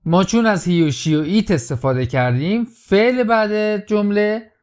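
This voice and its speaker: Man slowly explaining English phrases. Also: high voice, highs cut off. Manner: repeats English lines slowly, then explains them. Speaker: English teacher. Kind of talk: explaining film lines in a language lesson.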